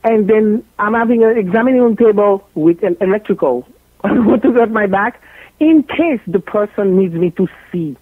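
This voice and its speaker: On a tinny, phone-like line with no echo, a woman of medium pitch speaks expressively at normal speed. She's a French-accented gynecologist from Haiti, a radio interview guest who is blunt, funny and animated, repeating herself to stress her points.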